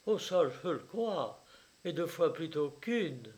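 A young man speaks with cold, unshaken calm, as a male reader voices him. His delivery is measured and slow, slightly high in pitch. He never raises his voice.

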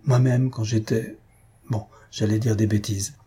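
A man voicing an excitable, bossy old spinster aunt who scolds in shrill outbursts, in a storybook reading. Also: fairly quick, breathy edge. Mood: playful.

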